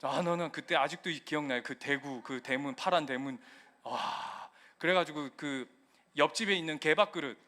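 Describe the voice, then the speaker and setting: A man's voice: on the high side, moderate pace. A middle-aged male pastor preaching a sermon, acting out comic little scenes of children and parents as he goes. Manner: animated, acts out comic quotes of children and parents.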